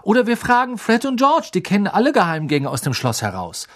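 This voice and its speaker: An excitable schoolboy from an audiobook, voiced by a man, a little higher and louder than the narration. He blurts out his words with animated rise and fall. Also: normal speed, gravelly, slightly rough, exaggerated voice. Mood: eager. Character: loud, excitable teenage schoolboy.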